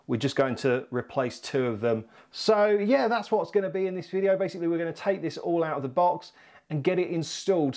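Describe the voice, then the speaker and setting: A man's voice: on the high side, darkish tone. A man with a British accent presenting a home tech video in a chatty, upbeat, self-deprecating way. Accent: British English. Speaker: YouTube home tech vlogger. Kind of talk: casual presenting to camera.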